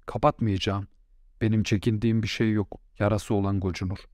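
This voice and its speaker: A bold, sharp-tongued young wife throws back retorts with open scorn, voiced by a man reading the story. The voice sits fairly low and is recorded close and dry, with no room around it. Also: little pitch movement, fairly quick, no room sound, lightly acted. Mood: defiant.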